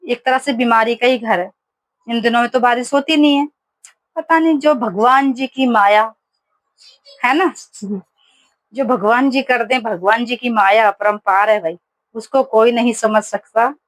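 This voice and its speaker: A woman's voice: fairly high pitch, measured pace, no echo. A woman vlogging casually at home, telling stories in a chatty way with many fillers. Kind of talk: casual home vlog chat. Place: home kitchen, indoors.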